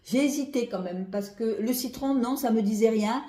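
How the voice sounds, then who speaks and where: A woman's voice: a little high, moderate pace, warm tone. A woman giving a casual, rambling review as she thinks aloud, often repeating herself and breaking off mid-phrase. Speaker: perfume reviewer. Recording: roomy, echoey sound.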